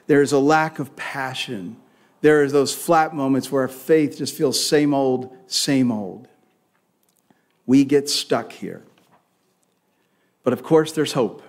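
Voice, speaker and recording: A male pastor preaching a sermon, reading scripture aloud with rising force and leading the congregation in response. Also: medium pitch. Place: church sanctuary.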